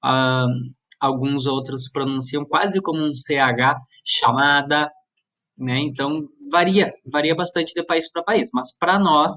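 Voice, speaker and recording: A man's voice: on the high side, fairly bright tone, highs cut off. A man teacher walking students through a lesson step by step, patiently checking in with them as he explains. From southern Brazil. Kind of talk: recorded classroom lesson. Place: Brazilian school lesson.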